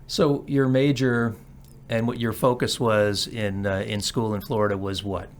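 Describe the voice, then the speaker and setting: A man's voice: fairly low pitch, level tone, measured pace, slight background noise. Man hosting an interview show. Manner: prompting, follows up with short questions. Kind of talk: podcast interview.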